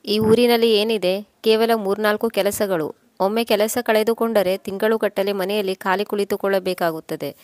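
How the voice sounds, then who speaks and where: A woman's voice: medium pitch, fairly even intonation, normal speed, dry recording, lightly acted. A woman voicing a stubborn, ambitious young man set on leaving his village, arguing insistently and impatiently.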